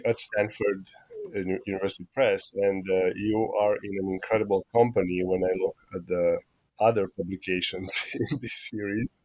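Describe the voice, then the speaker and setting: A man with a lowish voice conducts an academic interview in Chicago. He speaks haltingly, breaking his sentences with frequent ums and uhs. The sound is close and dry, with no room echo.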